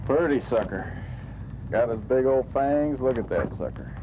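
A man's voice: mid-range voice, expressive, a little slow. A middle-aged man, chatting casually while fishing from an open boat. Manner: laid-back, drawling, chuckles often. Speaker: fishing guide. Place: open boat on a bay, outdoors. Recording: windy outdoor boat noise.

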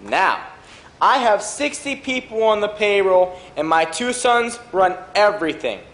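A man plays a brash self-made banana tycoon who brags about his wealth in a stage monologue. His voice sits high and swings widely. It echoes around a big hall. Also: sing-song, a little slow, fairly bright tone, heavily acted. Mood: boastful. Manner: boastful, brash. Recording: echoey auditorium.

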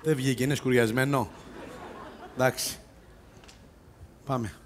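A man's voice: medium pitch, steady tone, a faint crowd, a little hiss or hum, natural voice. An actor playing a bossy police self-defence instructor in a live stage comedy sketch, mocking and scolding his fellow players. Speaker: comic actor and sketch lead. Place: open-air theatre stage.

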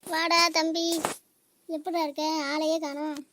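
A woman voicing a squeaky, fretful old mother-in-law. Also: little pitch movement, quick pace, a little hiss or hum. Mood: tearful. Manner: plaintive, pleading tone. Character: ailing older mother-in-law, remorseful and fretful. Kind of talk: home-made cartoon voice acting.

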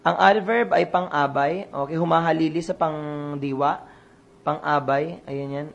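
Gravelly exam coach quizzing learners. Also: medium pitch, steady tone, unhurried, muffled recording. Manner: quizzing, repeats answers, asks "Maliwanag ba?". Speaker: online review coach. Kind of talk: exam review lesson.

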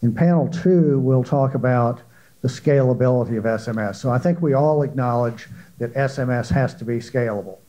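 Older man moderating a panel, mellow. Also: medium pitch, normal speed, poor audio. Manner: conversational, asks questions with frequent fillers. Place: large conference hall. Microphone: handheld mic.

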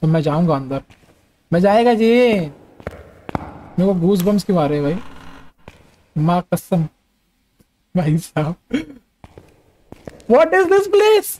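A man's voice: on the high side, slow pace, pauses often, slight background noise, low-quality recording. A young man giving jokey, easily frightened commentary while playing a horror game. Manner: jumpy, jokey, often shouting in fright. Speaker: gaming streamer.

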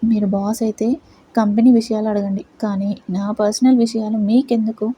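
A woman's voice: mid-range voice, level tone, moderate pace, mellow, breathy edge, lightly acted, rough recording. A woman voicing a blunt young female employee who snaps in exasperation. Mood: irritated. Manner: snappy, exasperated.

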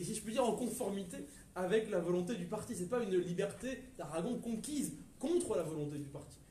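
A man with a French accent giving a history lecture to a live audience, lively and digressive, with hesitations and asides to the listeners. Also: sits high, slight background noise. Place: lecture room at a university research center. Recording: echoey lecture room from far off, faint ambience.

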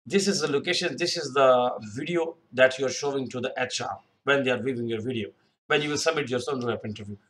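Speaking fast in a mid-range, fairly bright voice, a young YouTube career host gives off-the-cuff interview advice during a screen-share tutorial. He wanders, repeats points, and fills gaps with many fillers. A webcam in the corner of the screen recording captures him in a small room.

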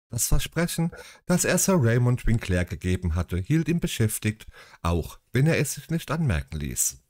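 Deep-voiced man reading a bedtime story. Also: a little mellow, no room sound, studio quality. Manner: chatty, sarcastic digressions.

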